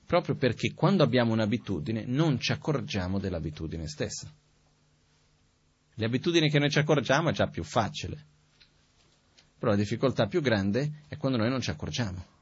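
A man giving a Buddhist teaching in a calm, conversational way, asking rhetorical questions as he goes. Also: medium pitch, a little fast, slightly rough, no room sound. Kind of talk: spoken dharma teaching. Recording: dull, dry, lo-fi recording.

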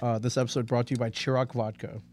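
A man's voice: mid-range voice, little pitch movement, fast, darkish tone, a little hiss or hum. A man co-hosting a podcast in casual chat, rambling and joking at his own expense. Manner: rambling, joking, self-deprecating. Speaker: podcast co-host.

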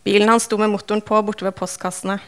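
A woman reading a first-person novel aloud in calm, measured, understated narration. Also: medium pitch, smooth. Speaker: audiobook narrator.

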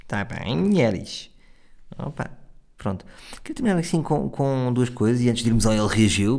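A man in his thirties with a European Portuguese accent hosts his own podcast with a crude, sardonic comic monologue. He rambles from one point to the next, and his mid-pitched voice has a gravelly, creaky texture. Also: a little mellow. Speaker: comedian host.

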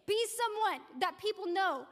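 Woman pastor preaching, super high voice, keeps repeating words for emphasis, long church echo. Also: expressive, moderate pace. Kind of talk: sermon. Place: church sanctuary.

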